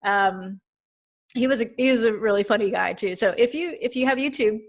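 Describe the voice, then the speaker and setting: A woman's voice: on the high side, fairly quick. Chatty giggling woman podcast host. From Texas. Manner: giggly, chatty, many fillers. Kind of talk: casual podcast chat.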